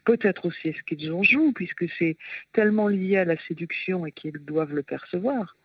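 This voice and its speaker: A woman linguist, a guest on a radio interview, giving thoughtful, halting explanations over the phone. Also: fairly low pitch, breathy edge, dry recording, far from the mic. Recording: tinny phone line.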